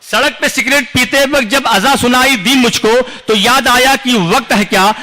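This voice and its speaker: At a large outdoor poetry gathering, an Indian man recites his own humorous and serious verse, declaiming and repeating lines for effect. His voice is extremely high-pitched and moves at a normal speed, with crowd noise around him.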